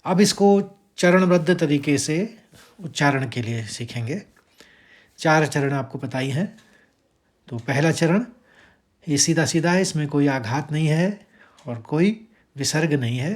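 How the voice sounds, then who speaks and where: A man from India teaching the pronunciation of a Sanskrit verse step by step, with a patient, explaining manner and slow chanting of the lines. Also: fairly high pitch, lively intonation. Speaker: Gita recitation teacher.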